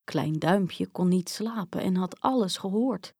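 A woman narrating a children's fairy tale in a slow, expressive storytelling manner, recorded dry and close. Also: fairly low pitch, husky, dry recording.

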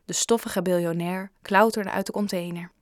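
A woman narrating a children's story in a steady, even reading voice. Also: on the low side, normal speed, dry recording, studio quality. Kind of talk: audiobook narration.

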